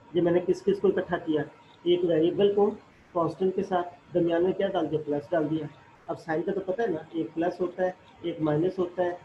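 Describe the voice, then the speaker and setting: A man teaching a math class, explaining step by step and asking and answering his own questions. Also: fairly high pitch. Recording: echoey room, dull lo-fi audio, faint noise.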